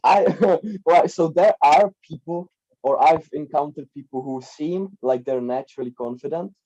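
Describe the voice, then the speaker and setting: A man's voice: on the high side, unhurried, dark tone. A young man from the Republic, a guest life coach, chatting casually in a podcast and rambling with many repeats and fillers. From Czech Republic. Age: young adult. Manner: rambling, repeats words, frequent "like" and "right?". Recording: dull lo-fi sound.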